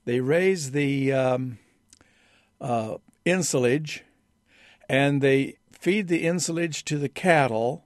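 A man chatting on a radio show at a middling pitch, close on a dry studio mic. He speaks haltingly, breaking off and restarting his sentences as he searches for words. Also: dry recording. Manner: halting, with many restarts and fillers. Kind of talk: casual radio chat.

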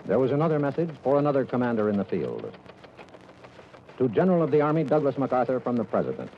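Dull lo-fi audio, faint noise, American male narrator, old newsreel style, formal, measured, dramatic, mid-pitched. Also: huge pitch swings. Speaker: news narrator. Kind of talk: scripted documentary news narration in the manner of an old newsreel. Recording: dull, noisy vintage radio recording.

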